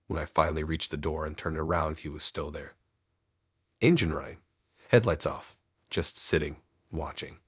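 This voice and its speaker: A man tells a scripted first-person horror story in a slow, measured way. His voice sits extremely low and has a husky edge. The recording is dry and close, with no room sound. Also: fairly even intonation, dry recording.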